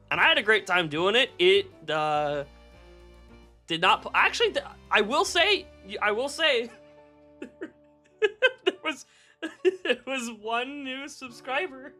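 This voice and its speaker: A streamer rambles through a casual live-stream chat, answering viewers' messages and laughing often. The delivery is bright and animated, full of swearing and quick self-corrections. Faint music plays in the background. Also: mid-range voice.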